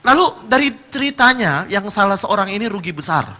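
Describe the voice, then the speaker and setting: High, bright-voiced preacher. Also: male voice, fairly quick. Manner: animated storytelling, acting out quoted people, swinging between soft and shouted. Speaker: pastor. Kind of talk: sermon.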